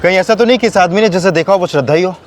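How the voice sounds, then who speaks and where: An actor playing a dutiful police sub-inspector who reports briskly to his senior in a TV crime drama. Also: high voice, faint music behind, natural voice.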